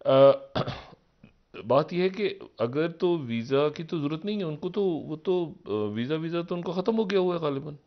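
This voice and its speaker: A man giving political analysis on a live TV talk show. He rambles, poses rhetorical questions, and swings from low murmurs up to raised, emphatic peaks. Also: animated, a little slow, lo-fi sound. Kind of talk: live TV current-affairs commentary.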